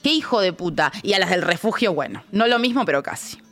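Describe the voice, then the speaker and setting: A woman's voice: medium pitch, lively intonation, fast, a bit bright, faint music behind. A woman with an Argentine accent co-hosting a radio show, telling a story in an angry, vulgar, ranting casual chat. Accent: Argentine Rioplatense Spanish. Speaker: radio co-host. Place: radio studio.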